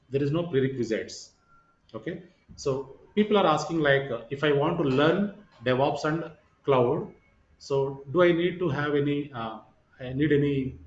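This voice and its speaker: A man giving an informal online lecture as a course trainer, repeating himself and checking in with "right" and "okay". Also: a little high. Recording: roomy echo, slightly muffled sound.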